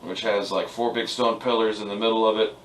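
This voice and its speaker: A man running a tabletop game as game master, narrating the scene in a relaxed, halting way with fillers. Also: lowish voice, roomy sound, far from the mic, slight background noise, low-quality recording.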